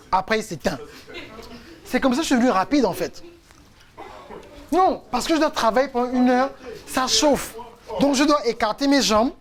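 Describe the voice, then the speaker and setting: A man from France, a coach giving a motivational faith testimony and acting out the people in his stories. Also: very high voice. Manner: animated storytelling, acts out quotes. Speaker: coach and speaker.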